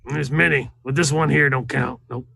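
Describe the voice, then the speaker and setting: Man playing a very gravelly, laconic adventurer. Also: mid-range voice, fairly even intonation, pushed and bright, no echo, heavily acted. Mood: stubborn. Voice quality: gravelly, creaky. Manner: drawn-out mm-hmms, terse folksy replies. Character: laconic, folksy, stubborn nose-collecting fantasy adventurer.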